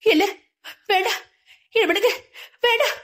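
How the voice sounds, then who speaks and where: A woman's voice: very high voice, measured pace, a bit bright, voice pushed up. A woman voicing a terrified young woman who pleads and sobs through a nightmare in an audiobook. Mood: terrified pleading. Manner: pleading, sobbing, frantic.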